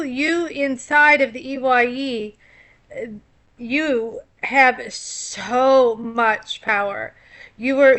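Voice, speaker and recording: High, bright woman talking slowly. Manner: rambling, repeats and restarts words, wordplay; laughs at own puns. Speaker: esoteric astrology commentator. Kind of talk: spiritual talk monologue.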